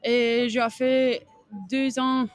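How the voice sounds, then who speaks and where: Slow, halting woman with a Greek accent. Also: high voice, little pitch movement, clear, resonant tone, faint music behind. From Greece. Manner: halting, searching for words in non-native French. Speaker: tennis coach and podcast guest. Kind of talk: interview answers.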